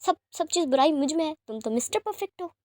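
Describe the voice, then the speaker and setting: Woman reading sulky quick-tempered young man, storybook romance, high voice, dry close sound. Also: animated, darkish tone, no echo. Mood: sulking. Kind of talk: storybook read-aloud.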